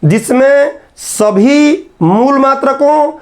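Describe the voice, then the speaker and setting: A man's voice: very high-pitched, extremely slow. A man teaching an online exam-prep lecture, explaining step by step and repeating key terms as he writes.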